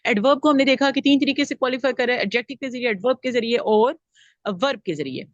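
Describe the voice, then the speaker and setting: A woman's voice: a little high, fast talker, no echo, highs cut off. Woman teaching grammar. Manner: explains step by step and asks the class questions. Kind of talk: classroom lesson.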